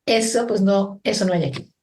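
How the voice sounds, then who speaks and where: Mellow-voiced Mexican woman, reflective guest. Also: medium pitch, moderate pace. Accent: Mexican Spanish. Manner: thoughtful, many restarts and fillers. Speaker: guest, organization founder. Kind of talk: reflective interview conversation.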